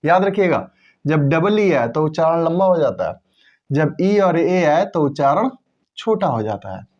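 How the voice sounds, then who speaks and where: A man teaches pronunciation, repeating the example words and drawing them out slowly. His voice sits a little high but sounds mellow and dark. The recording is dull and lo-fi. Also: big pitch swings. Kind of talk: explanatory lesson to viewers.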